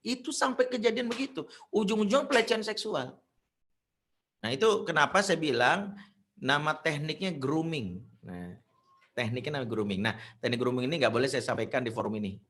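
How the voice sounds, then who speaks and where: A man preaching to parents in an animated storytelling style, acting out the voices of the people in his stories. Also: moderate pace. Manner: animated storytelling, acts out quoted voices with big pitch jumps. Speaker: Islamic preacher. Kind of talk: parenting sermon with acted anecdotes.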